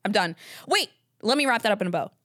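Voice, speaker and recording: A woman's voice: mid-range voice, animated, fast, fairly bright tone, dry recording, studio quality. A woman hosting a podcast alone, talking in a rambling, candid, casual way and swearing now and then. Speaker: podcast host. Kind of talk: casual solo chat.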